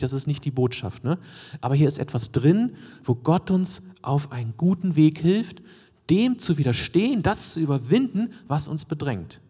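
Male preacher, conversational sermon, husky and mellow, long hall echo. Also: a little high. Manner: conversational, asks the audience questions, frequent "ne?" and "ja?"; drops to a near whisper for emphasis.

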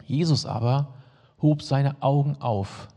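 A male preacher reads scripture and explains it, slipping into relaxed, everyday asides between the verses. His voice is dark and husky. It rings out with the long reverb of a large hall. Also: mid-range voice, takes it slowly. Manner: reads the text, then adds casual plain-spoken asides to the congregation. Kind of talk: sermon, reading scripture aloud and explaining it.

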